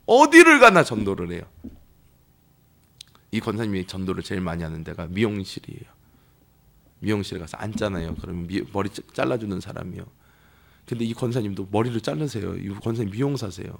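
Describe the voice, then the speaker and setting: A pastor preaching a sermon in a church, telling stories with lively, acted-out voices. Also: male voice, on the low side, brisk, vocal fry. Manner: lively storytelling that acts out quoted people. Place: church sanctuary.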